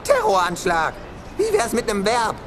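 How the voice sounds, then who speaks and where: Bossy talking kangaroo as barking Prussian officer, high and animated, film comedy. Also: male voice, moderate pace, creaky, music in the background, crowd noise, heavily acted. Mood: barking, commanding.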